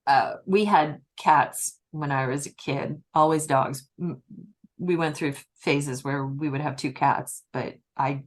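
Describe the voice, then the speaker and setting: A woman hosting a casual conversation, telling wry anecdotes in a relaxed way. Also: low-pitched, slow pace. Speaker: podcast host.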